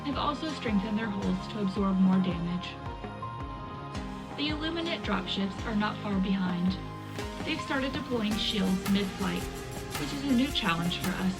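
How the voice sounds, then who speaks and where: A woman plays a wartime news presenter reading a scripted military bulletin in a measured, official, yet expressive way, her pitch average for a woman. She sounds composed and formal. The audio is poor, with a loud music bed playing clearly behind her.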